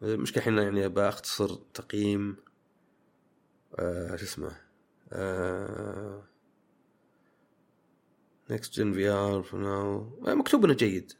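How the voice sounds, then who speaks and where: A man's voice: lowish voice, expressive, measured pace, gravelly, pauses often, a little mellow. A man hosting a podcast, chatting casually and reading listener questions, rambling with many fillers. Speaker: podcast host.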